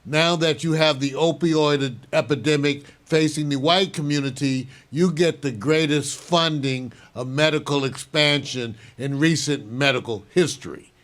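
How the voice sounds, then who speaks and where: An older man hosting a show, giving measured, opinionated news commentary and chuckling now and then. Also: on the high side, fairly even intonation, a bit bright. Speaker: show host.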